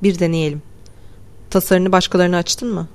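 A cautious man lays out a secret escape plan in low, conspiratorial tones, as the audiobook's reader voices him. The delivery stays close to the reader's everyday narrating voice, with no broad character acting. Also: steady tone, normal speed, darkish tone, lightly acted. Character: cautious grocery clerk man planning an escape.

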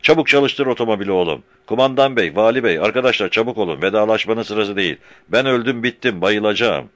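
Shrill panicked deputy as a male reader puts him on, frantic shouting, high and loud, dry close sound. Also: expressive, quick pace, dry recording. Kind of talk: audiobook character voice.

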